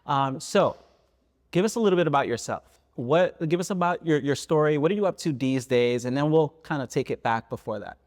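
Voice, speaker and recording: A man's voice: fairly high pitch, expressive, a little fast, darkish tone, in a large hall. A man hosting a podcast, chatting loosely and encouragingly as he introduces and questions his guest. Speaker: podcast host. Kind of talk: podcast interview.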